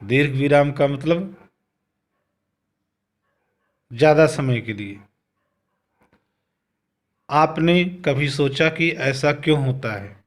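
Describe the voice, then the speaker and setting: A man teaching a recorded grammar lesson, explaining slowly and deliberately, often repeating phrases. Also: fairly high pitch. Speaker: school teacher. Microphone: video lesson recording.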